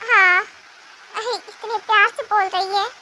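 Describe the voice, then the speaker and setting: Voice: very high-pitched, fairly even intonation, a little slow. A fan dubber voicing a patient young husband and father who sounds soothing, indulgent and mildly exasperated. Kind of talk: amateur fan dub. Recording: noisy home recording.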